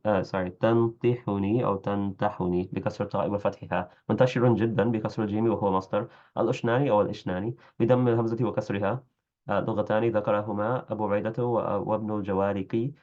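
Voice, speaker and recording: In class, a man with a low, slightly mellow voice reads a classical Arabic text aloud, glossing it in English and correcting his own slips as he goes. The sound quality is lo-fi.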